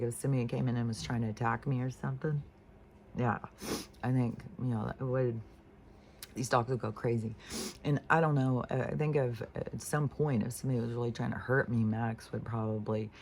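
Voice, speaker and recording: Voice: mid-range voice, a little mellow, slight background noise. A vlogger telling a story in a casual, profane, rambling way while venting.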